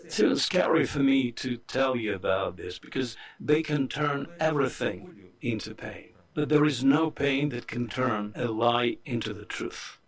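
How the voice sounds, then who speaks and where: A man speaking as a live interpreter, voicing a speaker's testimony in the first person with earnest, measured phrasing. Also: mid-range voice.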